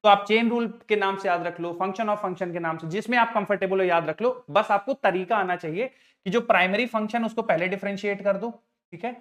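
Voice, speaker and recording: His voice sits high, moves fairly quickly and has a fairly bright tone as this middle-aged man teaches maths to a class. He stays patient, calls the students children and puts frequent check questions to them about the terms.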